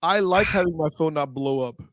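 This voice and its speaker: A man's voice: fairly high pitch, moderate pace, slight background noise. A man hosting a casual podcast over a video call, teasing his co-host with playful questions.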